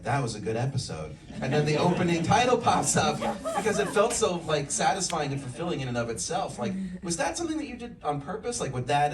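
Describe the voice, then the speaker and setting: At a live screening Q&A in an event hall, a man acting as interviewer asks long, rambling questions full of fillers. His voice is medium-pitched, with slight background noise. The room is echoey and the mic is distant.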